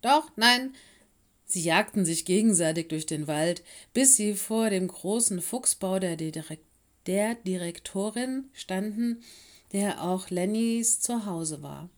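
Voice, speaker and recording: A woman narrating a children's story in calm, clear storytelling. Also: medium pitch, unhurried. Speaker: audiobook reader.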